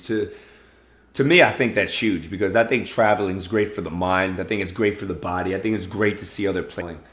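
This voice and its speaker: A lowish-voiced podcast host, recorded with noticeable reverb, interviews his guest in a casual manner. He asks questions and keeps the conversation moving with frequent encouraging backchannels.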